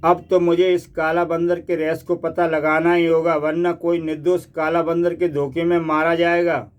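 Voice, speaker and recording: Steady comic-book hero, a man reading, high and flat, unhurried. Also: smooth, muffled recording, natural voice. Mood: firm.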